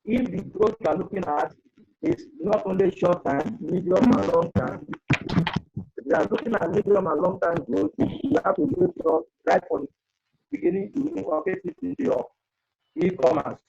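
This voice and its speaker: His voice sits high with big pitch swings and a moderate pace, gravelly, a little mellow, breathy at the edges, all in a muffled recording. On a video call, this male webinar panelist earnestly advises on data protection through an earphone mic, repeating points as the conference audio breaks up.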